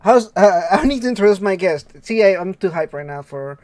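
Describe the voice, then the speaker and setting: A man hosting a casual gaming podcast, excitable and rambling, laughing often. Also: high-pitched, brisk, dry recording. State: under the weather. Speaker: podcast host.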